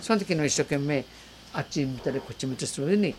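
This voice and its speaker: An elderly woman in her eighties speaks with a soft regional lilt. She tells her survivor's story earnestly and vividly, re-enacting calls and voices along the way. A faint hiss sits under the recording. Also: low-pitched, animated, fast. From Okinawa, Japan. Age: 80s. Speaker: war survivor giving testimony. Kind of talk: personal storytelling in an interview.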